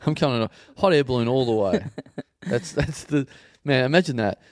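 A man's voice: mid-range voice, moderate pace, slight background noise. A man co-hosting a podcast, chatting casually, swearing and laughing as he talks. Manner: animated, swearing, laughing often. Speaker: podcast co-host. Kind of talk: casual banter.

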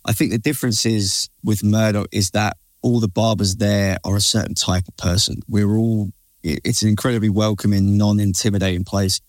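British male, informal and slangy interviewee, lower-pitched, brisk delivery, matey and opinionated. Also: steady tone, darkish tone, no echo. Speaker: barber and creative director, interview guest. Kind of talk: casual interview chat.

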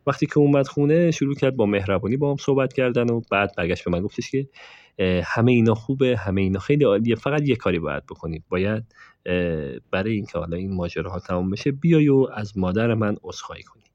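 A man's voice: lowish voice, animated, a little mellow, no room sound. A man narrating a true story in a conversational way, breaking off into asides that he speaks straight to his listeners. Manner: digressive, addresses listeners directly. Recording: dull, dry lo-fi recording.

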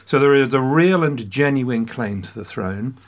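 A man's voice: medium pitch, expressive, moderate pace. Playful Englishman telling history. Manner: playful, jokey asides, mock French phrases. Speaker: podcast host. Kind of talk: casual history podcast chat.

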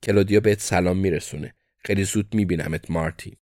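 A man's voice: sits low, steady tone, darkish tone, dry recording, studio quality, close to an everyday voice. A man voicing a young American crime-family heir who makes threats but sounds sheepish. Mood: blustering threat.

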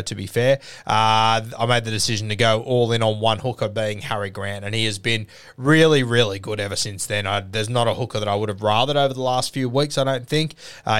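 An Australian man hosts a casual sports podcast. His mid-pitched voice moves informally through a fantasy league update, with plenty of slang. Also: smooth. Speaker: podcast host.

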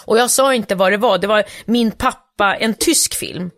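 A woman's voice: medium pitch, a bit bright, no room sound, studio quality. Rambling, laughing middle-aged woman. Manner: rambling, many fillers and restarts, laughs often. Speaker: podcast co-host. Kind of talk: casual chat.

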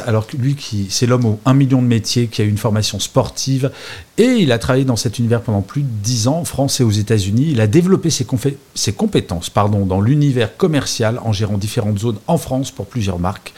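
A man's voice: mid-range voice, mellow, slightly rough. A man hosting a live show, chatty and self-mocking, often correcting himself mid-sentence. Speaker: host.

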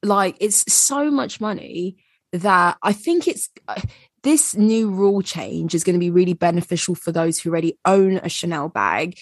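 A woman co-hosting a podcast, chatting casually with drawn-out, opinionated emphasis and a slight frog in her throat. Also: fairly low pitch, lively intonation, dry recording, studio quality. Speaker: podcast co-host. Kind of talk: casual chat.

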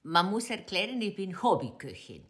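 A woman's voice: medium pitch, very animated, normal speed, a bit bright. Middle-aged woman with an Argentine Spanish accent. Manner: hesitant, searching for German words, many fillers. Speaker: guest, hobby cook. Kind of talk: interview answers.

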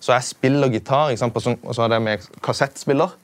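A young man in casual chat, telling a story in an animated way and acting out what people said. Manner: animated, acts out quotes with sudden pitch jumps. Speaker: guest musician.

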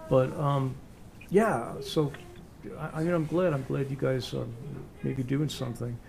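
A man's voice: medium pitch, steady tone, measured pace, gravelly, a little mellow. A man with a New York accent interviewing a musician in a casual, rambling way, full of ums and restarts. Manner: rambling, many fillers and restarts.

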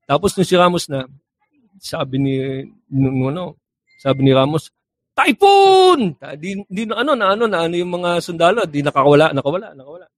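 A man's voice: fairly high pitch, fast talker, no room sound. A young man animatedly telling a joke story, acting out characters with sound effects and laughing at his own punchlines. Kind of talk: casual storytelling.

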